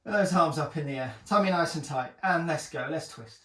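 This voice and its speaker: A man's voice: a little high, brisk, a bit bright, echoey room, recorded from a distance. A man working as a personal trainer, talking viewers through an ab workout while exercising himself, encouraging and joking, short of breath between sets.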